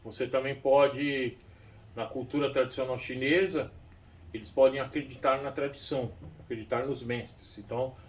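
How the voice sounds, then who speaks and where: A man's voice: medium pitch, fairly even intonation, moderate pace. A man with a Brazilian Portuguese accent, a kung fu teacher explaining at length, rambling and often adding tag questions and restarting. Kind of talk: explanatory talk. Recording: distant mic with faint background noise.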